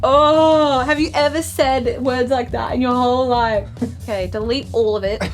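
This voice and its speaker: A woman's voice: sits high, fairly even intonation, moderate pace, soft background music. A young woman singer chatting between takes in a recording studio, self-critical and laughing often. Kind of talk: casual chat during a recording session.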